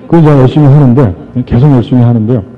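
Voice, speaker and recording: A middle-aged man giving an animated storytelling speech to a live audience, joking with the crowd and acting out conversations. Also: medium pitch, very fast. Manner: animated, re-enacts dialogue and jokes with the crowd. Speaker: motivational speaker. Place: stage before a live audience. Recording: tinny lo-fi archive recording with faint music.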